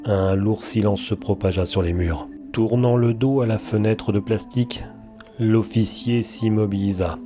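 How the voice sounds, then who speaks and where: A man reading a dark story aloud as the narrator, with a measured, deliberate delivery and long pauses. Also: fairly low pitch, steady tone. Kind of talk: dramatic audiobook story reading. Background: faint background music.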